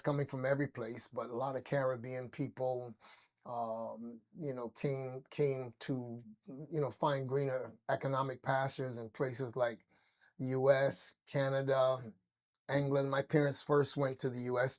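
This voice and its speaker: An older man from Barbados, appearing as an interview guest, tells stories casually and wanders from point to point, using lots of fillers. He speaks with a medium pitch, a flat delivery, and a slightly slow pace.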